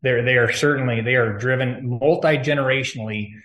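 A man's voice: mid-range voice, fairly even intonation, brisk, fairly bright tone, muffled recording. A man speaking as an interview guest, giving long-winded, urgent, unscripted warnings in a conspiratorial political vein. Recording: echoey room.

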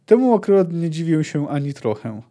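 A man reading a book aloud and voicing a gruff, blunt male dwarf who scolds and mocks a girl. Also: on the high side, big pitch swings, a little fast, mellow. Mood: scolding.

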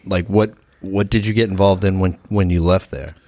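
A man's voice: low voice, steady tone, moderate pace, mellow. A man hosting a casual recovery talk show, asking short leading questions and offering brief affirmations. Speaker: host. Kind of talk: casual interview.

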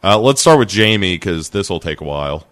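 A man's voice: low voice, very animated, moderate pace, a bit bright, no echo, clean studio sound. A man hosting a podcast, chatting casually and joking, with many fillers. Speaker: podcast host. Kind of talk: casual chat.

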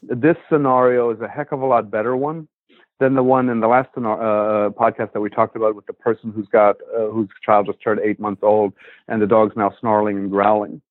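A man's voice: on the low side, flat delivery, fairly quick, dry recording. A man who trains dogs, talking casually on a podcast, rambling with many fillers. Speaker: dog trainer and podcast host. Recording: tinny phone line.

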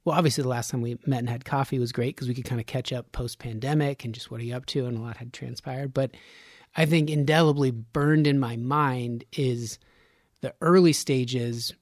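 A man's voice: mid-range voice, steady tone, moderate pace, dry recording. A man hosting a podcast in a studio, talking in a casual, rambling way and laughing often. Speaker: podcast host.

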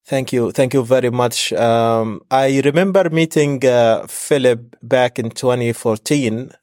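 Measured podcast host, dry sound. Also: male voice, mid-range voice, darkish tone, dry recording. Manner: measured, with frequent fillers. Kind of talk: podcast introduction and chat.

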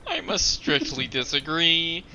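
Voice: medium pitch, very animated, unhurried, rough recording. A comedian putting on a pompous, pedantic nerd voice, lecturing stiffly, with crowd noise behind. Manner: stiff, lecturing, overly formal.

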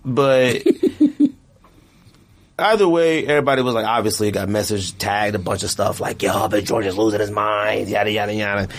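A podcast host in his late thirties rants in a casual show, animated and emphatic, with opinionated, slangy ways of addressing listeners. His voice is lowish and he talks at a normal speed.

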